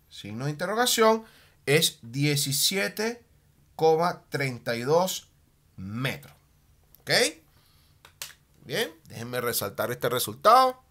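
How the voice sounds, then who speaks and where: A man teaching a math lesson at a board, animated, often checking in with a quick "ok?" and slowing down on key terms as he writes. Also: fairly high pitch. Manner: slows down and stretches key terms while writing.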